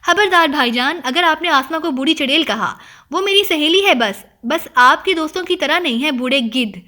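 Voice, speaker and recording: A woman's voice: high-pitched, bright, forceful tone. A woman voicing a sulky young sister who pouts and snaps back like a child. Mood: pouting. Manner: pouting, snappish.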